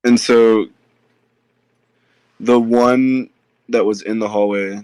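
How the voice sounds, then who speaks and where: Slow, hesitant male player. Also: lowish voice, steady tone, darkish tone, smooth, dry recording, poor audio. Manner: hesitant, asks questions, rewords himself. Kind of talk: tabletop game play.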